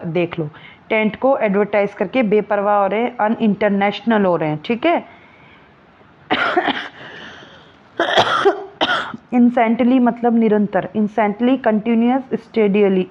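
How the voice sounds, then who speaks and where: A woman teacher with a Hindi accent, drilling English vocabulary with memory tricks and repeating each word many times. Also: on the high side. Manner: repeats words over and over, drills. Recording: dull lo-fi sound.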